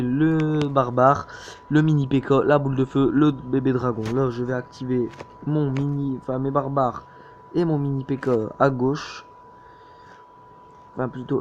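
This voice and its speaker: A young man chatting loosely over his game, stumbling and restarting his sentences. His voice sits at an ordinary middle pitch. It comes through a dull, low-fidelity mic with a faint hiss behind it. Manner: hesitant, full of fillers and restarts. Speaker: gaming YouTuber. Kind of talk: casual gameplay commentary.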